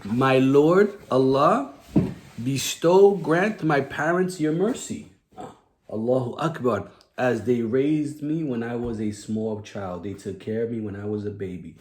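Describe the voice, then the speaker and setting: A religious teacher with a slightly mellow, medium-pitched voice speaks at a measured pace while teaching children. The lesson uses simple phrases, questions, and prompts to repeat, and the recording carries clear background noise.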